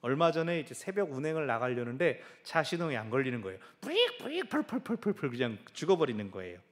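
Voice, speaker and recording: A male pastor preaching a sermon in a church, telling stories lively and mimicking sounds with his mouth. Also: mid-range voice, fast. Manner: animated storytelling with sound effects.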